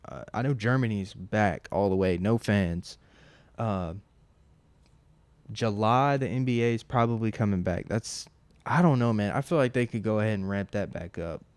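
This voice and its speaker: A man in his twenties hosts a casual solo podcast from home, rambling and swearing, with lots of fillers and restarts. His medium-pitched voice is a little mellow and clean. A close home mic gives a dry recording.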